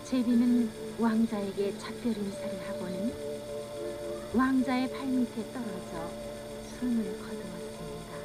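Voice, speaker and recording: A woman reading scripted children's storybook narration in a measured, earnest manner on an old cassette. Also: mid-range voice, low-quality recording. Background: music.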